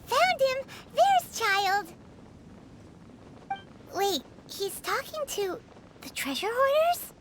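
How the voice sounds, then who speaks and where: A woman playing an innocent, excitable little boy in a video game, wide-eyed with adoration for his big brother. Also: extremely high pitch, very slow, pauses often, background noise, exaggerated voice. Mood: excited. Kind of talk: English video game voice acting.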